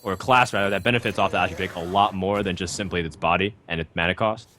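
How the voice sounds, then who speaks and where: Low-voiced analytical male caster. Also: steady tone, fast, sharp tone, a little hiss or hum. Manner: thoughtful analysis with frequent fillers. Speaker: esports commentator. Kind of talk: live game commentary.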